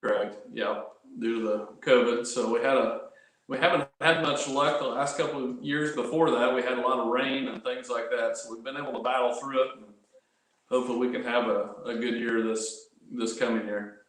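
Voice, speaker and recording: A man's voice: medium pitch, fairly even intonation, moderate pace, fairly bright tone. Very echoey American man chatting. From Illinois, United States. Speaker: guest, funeral director and tractor puller. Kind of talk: casual interview chat. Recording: very echoey room, faint noise.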